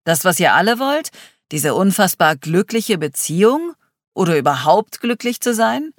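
A man's voice: high voice, sing-song, normal speed, dry recording, studio quality. A reader voicing a sarcastic young man who pours out his despair in an audiobook. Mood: agitated. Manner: raw, increasingly despairing outburst. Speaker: character in an audiobook. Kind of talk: audiobook reading.

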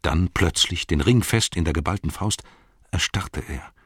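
A man reading a fantasy novel aloud in measured storytelling narration. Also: sits low, a bit bright, slightly rough, no room sound, clean studio sound. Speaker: audiobook narrator. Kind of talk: scripted narration.

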